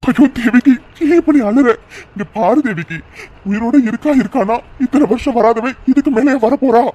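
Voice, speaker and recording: A man's voice: extremely high pitch, moderate pace, warm tone. A man voicing an anxious, stubborn middle-aged father in a cartoon drama, who repeats his words. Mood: pleading.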